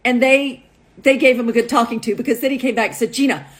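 A middle-aged woman with a fairly high voice talks to camera as a matchmaker. Her delivery is chatty and animated, with frequent laughs. The tone is casual and familiar. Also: fast talker. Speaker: matchmaker and dating coach.

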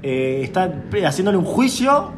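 A man's voice: high voice, very animated, normal speed, background noise. A man hosting an improvised comedy radio show, in a playful mock-serious announcer tone.

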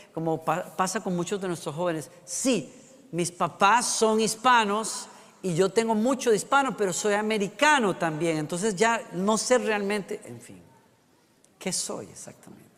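A man's voice: high voice, fairly bright tone, in a large hall. A man preaching a sermon as a pastor, telling humorous stories to make his point.

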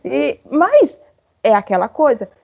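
A woman's voice: sits high, wildly swooping pitch, slow, gravelly, warm tone. Playful woman with a muffled voice. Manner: playful, rhetorical, joking. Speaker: writer on a panel. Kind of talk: casual panel discussion. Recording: muffled lo-fi audio.

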